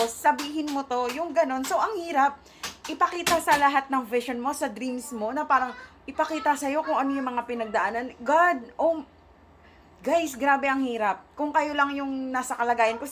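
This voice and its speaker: A high-pitched woman tells her viewers about her faith in an emotional, halting way, searching for words and switching between languages. She sounds near tears and shaky at times. A faint hiss of noise sits behind her voice. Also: a bit bright. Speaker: vlogger sharing a faith testimony. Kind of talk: emotional casual testimony to viewers.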